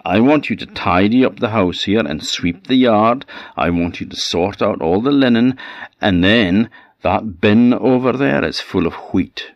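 A man's voice: on the low side, expressive, measured pace, no echo, voice pushed up. A man voicing a demanding old witch woman who gives orders and threatens, on a dull lo-fi recording. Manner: bossy, threatening commands.

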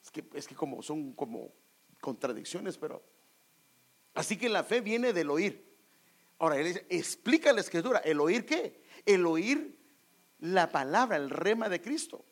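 A man preaching a sermon to his congregation, animated and emphatic, acting out quoted voices and calling them brothers. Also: high voice, a little slow, pauses often. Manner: acts out quoted voices, rising to loud emphatic peaks. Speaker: pastor.

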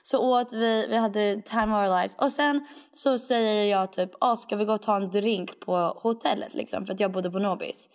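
An excitable young woman chatting casually who often cuts in. Her voice sits at a middle pitch, and she mixes English phrases into her talk. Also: hardly any pauses. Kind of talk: casual chat.

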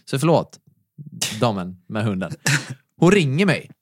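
A young adult man hosting a podcast, telling a story in casual chat, animated and swearing, acting out the people he quotes. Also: mid-range voice, no room sound, clean studio sound. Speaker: podcast host.

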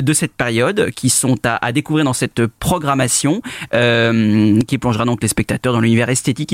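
A man's voice: medium pitch, dry recording, clean studio sound. A man hosting a radio film segment, talking with many fillers and restarts. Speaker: radio show host. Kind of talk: cultural radio chat.

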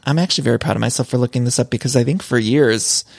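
A man's voice: medium pitch, very fast, vocal fry, husky, no room sound, studio quality. A man co-hosting a casual podcast, chatty and joking, often trailing off mid-thought. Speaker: podcast co-host.

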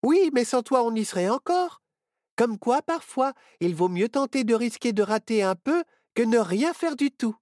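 A man's voice: very high voice, lively intonation, moderate pace, a little mellow, no room sound, clean studio sound, voice pushed up. A man voicing a young apprentice witch girl in a children's storybook, eager and sure of herself.

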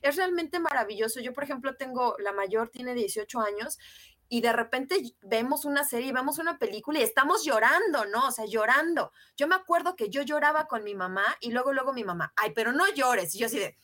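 Earnest woman, co-host, higher voice, encouraging. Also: lively intonation, brisk, pushed and bright. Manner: earnest, encouraging, advice-giving. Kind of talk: casual conversation about parenting.

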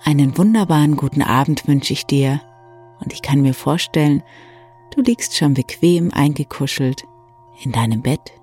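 A person gently guiding an evening relaxation in a soft, hushed, soothing voice with long pauses. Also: medium pitch, breathy edge. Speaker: meditation guide and bedtime story reader. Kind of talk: soft, soothing guided meditation for bedtime. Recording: soft new-age music bed. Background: calm new-age music.

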